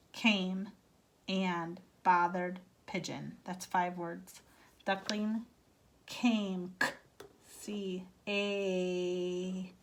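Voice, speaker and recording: A woman gives a writing lesson for young children, filmed on a phone at home. She speaks slowly and patiently, in a slightly low voice. She sounds out words letter by letter. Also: a bit bright. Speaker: teacher. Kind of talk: early-grades writing lesson.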